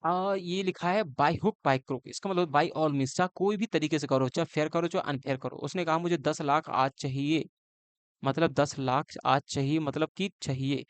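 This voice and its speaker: Man, exam-coaching teacher, slightly high pitch, dry close sound, asks and answers his own questions. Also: moderate pace, hardly any pauses, dry recording. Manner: explains with repeated questions and answers; switches between Hindi and English phrases. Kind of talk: exam-prep lecture.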